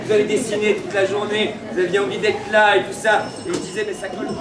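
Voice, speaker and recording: High-pitched man proclaiming as a town crier. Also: flat delivery, fast. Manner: declamatory, playful, addressing the crowd. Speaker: town crier hosting a street event. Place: public gathering with an audience. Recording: echoey, distant mic in a crowd. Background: crowd.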